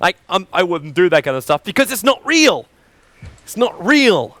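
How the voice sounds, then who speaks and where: Young male esports caster, jokey on-air banter, very lively swinging pitch, a bit high, dry close sound. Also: moderate pace, no echo. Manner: animated, jokey, laughs often, self-deprecating. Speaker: esports commentator. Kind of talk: casual on-air banter between games.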